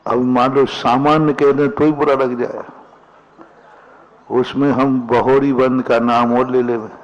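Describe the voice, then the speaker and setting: Man, Jain monk giving a sermon, unhurried delivery, acted quotes, dull lo-fi recording. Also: medium pitch, level tone. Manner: slow, storytelling discourse with acted quotes and folk sayings.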